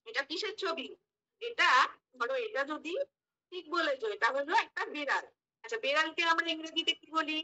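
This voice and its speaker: A woman's voice: high-pitched, sharp tone, poor audio. A woman giving a demo class to young pupils, speaking, spelling English words letter by letter and quizzing the class. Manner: spells words letter by letter, asks and answers questions; mixes English phrases into the lesson. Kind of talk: mock classroom teaching.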